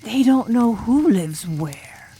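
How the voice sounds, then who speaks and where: In an audiobook, a woman plays an intense, enigmatic girl drum major telling a scary story, her fairly high, dark-toned voice moving with lively intonation. The mood is grave and her delivery dramatic, ominous, and deliberate. Slight background noise is audible.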